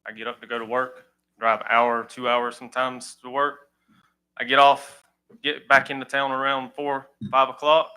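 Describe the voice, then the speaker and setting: A man who runs a girls softball league, speaking plainly and earnestly at a county meeting. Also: medium pitch, monotone, normal speed, clear, resonant tone, rough recording. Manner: plain-spoken, earnest, repeats "all right". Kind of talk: public comment at a county meeting.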